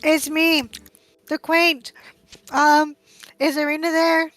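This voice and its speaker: A woman's voice: sits high, little pitch movement, slow pace, a bit bright, no echo, soft background music. A woman player in a tabletop game, talking playfully and giggling often. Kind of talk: casual tabletop game play.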